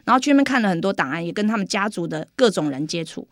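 A woman's voice: medium pitch, lively intonation, very fast, no echo. Taiwanese-accented woman chatting, dry close sound. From Yunlin, Taiwan. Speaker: documentary filmmaker guest. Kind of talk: casual interview chat.

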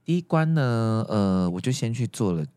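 A man's voice: on the low side, animated, moderate pace, dark tone, smooth, no room sound, studio quality. A man co-hosting a casual podcast chat, telling a story in Taiwanese Mandarin and laughing often. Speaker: podcast co-host.

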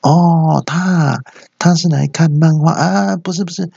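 A man playing a fawning, hoarse-voiced client who keeps slipping up. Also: a little high, measured pace, mellow, no room sound, muffled recording, pitched above the performer's own voice, heavily acted. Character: fake hoarse client faked by an employee.

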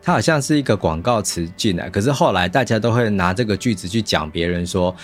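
A man's voice: on the low side, animated, a little fast, soft background music. A man with a Taiwanese Mandarin accent chatting casually and expressively as a co-host of a book show. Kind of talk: casual chat about books.

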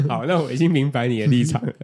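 A man, co-hosting a casual podcast chat and telling stories with playful quips. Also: on the high side. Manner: animated storytelling with playful quips. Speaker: podcast co-host.

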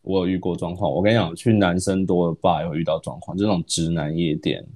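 A man's voice: sits low, steady tone, quick pace, a little mellow. A man from Taiwan with a Taiwanese Mandarin accent, co-hosting a podcast and telling a rambling story in casual chat, restarting sentences and dropping in English words. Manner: rambling, self-correcting, mixes in English words, laughs often. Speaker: podcast co-host.

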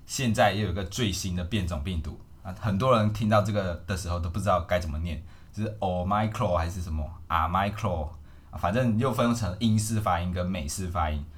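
A man's voice: deep voice, fairly bright tone. A man from Malaysia hosting a podcast, chatting playfully and mixing in English phrases. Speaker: podcast host. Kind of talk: casual chat.

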